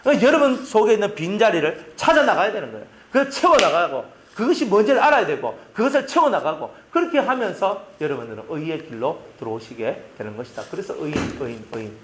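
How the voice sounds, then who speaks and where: A male pastor with a Gyeongsang Korean accent preaching a sermon, telling stories in an animated way and using lots of sound effects. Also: high-pitched, fast talker, hardly any pauses, slight background noise.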